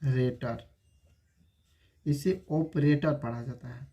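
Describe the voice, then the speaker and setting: A male teacher giving an online spoken-English lesson, spelling words out slowly letter by letter and quizzing viewers with repeated rhetorical questions. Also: a little high, highs cut off.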